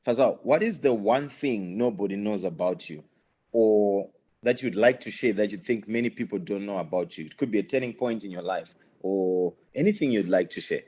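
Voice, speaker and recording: A man's voice: fairly low pitch, moderate pace, warm tone, slightly rough, faint music behind. A man hosting a business podcast, reading formal introductions and asking polite, upbeat questions. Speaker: podcast host. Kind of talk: scripted host introduction and questions.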